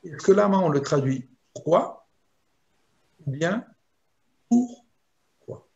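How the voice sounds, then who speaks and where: A man teaching a Torah lesson as a rabbi, explaining slowly and chanting Hebrew verses in between. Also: on the high side, highs cut off. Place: video lesson.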